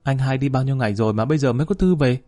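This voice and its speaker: A man's voice: medium pitch, rapid-fire, mellow, faint music behind, close to an everyday voice. A man doing an anxious young girl. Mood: eager. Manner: trembling, pleading. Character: young daughter, anxious and tearful.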